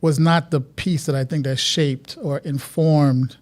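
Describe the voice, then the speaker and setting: A man from Guyana, a guest artist telling stories in a relaxed interview chat, often restarting his sentences. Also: fairly high pitch, a little slow. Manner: reflective, storytelling, many restarts.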